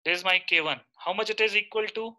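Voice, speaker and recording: A man's voice: high voice, quick pace, sharp tone. A man in his thirties with an Indian accent, teaching a live online lecture and often checking in with short questions.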